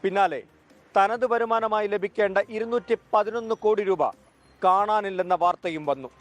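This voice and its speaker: A man reporting a news package as scripted voice-over, in a measured, emphatic delivery. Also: high-pitched, fairly even intonation.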